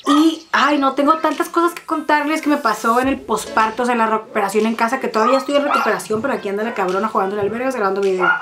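A woman with a Mexican accent telling a personal story in fast, profane, dramatic casual chat. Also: fairly high pitch, noisy background. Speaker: vlogger.

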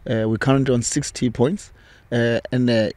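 A man's voice: mid-range voice, fairly even intonation, normal speed, darkish tone, dry recording. A young man hosting a football podcast outdoors, asking questions hesitantly with many fillers and restarts. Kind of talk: interview questions. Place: outdoors on a sunny football field. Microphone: handheld mic on a stand.

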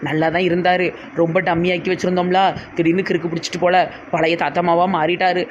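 Excitable Tirunelveli man, high and fast, lo-fi sound. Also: slight background noise. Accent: Tirunelveli Tamil. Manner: excitable and complaining. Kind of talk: comedy sketch acting. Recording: dull lo-fi sound.

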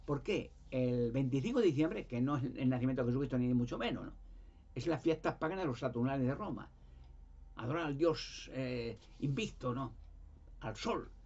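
Man with a husky, mid-pitched voice, rambling insistently, on a muffled lo-fi recording. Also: expressive, moderate pace, darkish tone. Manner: emphatic, repetitive, restarts words. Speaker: conspiracy talk guest. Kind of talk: rambling monologue. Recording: dull lo-fi sound.

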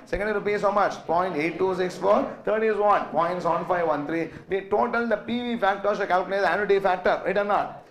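A middle-aged man with a South Indian accent, teaching like a classroom lecturer, repeating himself and asking questions he then answers. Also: high voice. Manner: repetitive, asks and answers own questions. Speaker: finance lecturer.

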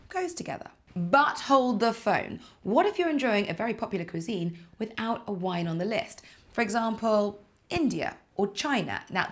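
A woman, giving scripted wine tips to camera from a living room in a lively, emphatic way. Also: mid-range voice. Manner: lively, expressive, emphatic gestures. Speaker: wine presenter. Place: home living room, indoors.

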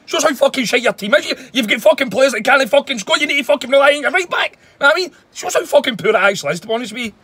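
A man's voice: very high-pitched, animated, racing, few pauses, pushed and bright, husky, exaggerated voice. A man with a Glaswegian Scottish accent playing a brash, defensive football fan who answers taunts with sweary indignation in a comedy sketch. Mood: indignant.

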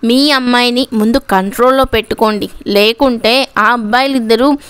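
A woman voicing a stern woman hostel warden in an audio story, sharp and scolding. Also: on the high side, fairly even intonation, normal speed, smooth, natural voice.

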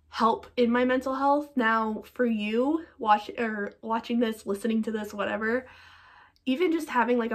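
A young woman talking to camera in a personal vlog, emotional and rambling with lots of fillers, a little teary. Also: medium pitch. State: teary-eyed. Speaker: vlogger.

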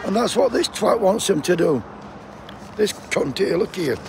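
A man's voice: high voice, animated, unhurried. A man with a Yorkshire accent chatting and joking with passers-by on a picket line, cold, swearing freely. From Sheffield, England. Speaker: striking postal union picketer. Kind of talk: casual vlog chat. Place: outdoor picket line by a busy road. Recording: noisy roadside traffic outdoors. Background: passing traffic.

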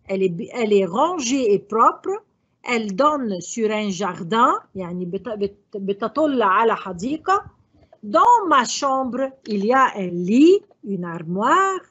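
A woman French teacher with an Egyptian accent, reviewing for an exam and mixing French with quick Arabic explanations. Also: fairly high pitch, fairly bright tone, husky, muffled recording.

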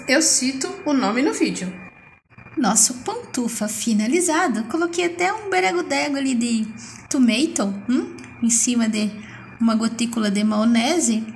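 Speaking from her home kitchen, a middle-aged Brazilian woman vlogs casually about her food, talking playfully to her phone camera and inventing adorable diminutive words. Her voice is high, and there's slight background noise.

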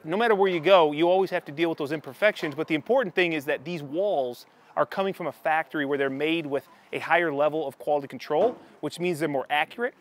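A man's voice: on the high side, fast, hardly any pauses, slight background noise. A man in his thirties with a lapel mic, chatting eagerly as he tours a construction site and explains what he sees. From United States. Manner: enthusiastic, chatty, explaining as he walks. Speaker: construction vlogger. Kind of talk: casual walkthrough vlog. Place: construction site, in a tool container and on an open upper floor.

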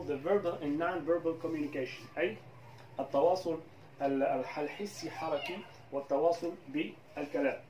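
Guy teaching english words, says each one over and over, kinda high voice, echoey noisy room, mic far away. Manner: repeats words slowly, stressing syllables. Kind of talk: pronunciation lesson.

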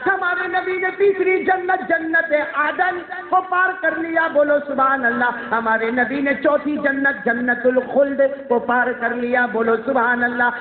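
A man preaching a sermon in a mosque, urging the crowd to call back and swinging between soaring highs and low, hushed passages. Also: steady tone, hardly any pauses. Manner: urges the crowd to answer back; dramatic swings between high and low delivery. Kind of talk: Urdu sermon with call-and-response. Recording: echoey, tinny mosque recording with crowd.

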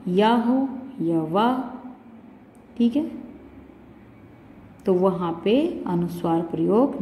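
A woman's voice: on the low side, warm tone. A woman teacher patiently explaining a Hindi grammar lesson to children step by step, checking in often. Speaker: school teacher. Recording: roomy echo with long reverb, faint background hum.

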